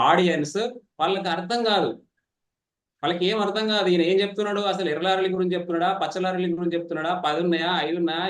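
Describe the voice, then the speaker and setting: Fast-talking trainer, echoey room. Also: male voice, on the high side. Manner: fast, animated, teasing participants. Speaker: public speaking trainer. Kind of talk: online class lecture. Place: online meeting.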